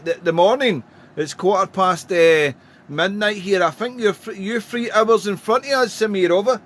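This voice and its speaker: High-pitched British man working the radio. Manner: deliberate, using radio call phrases. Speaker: amateur radio operator. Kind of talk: casual radio contact chat. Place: home radio room.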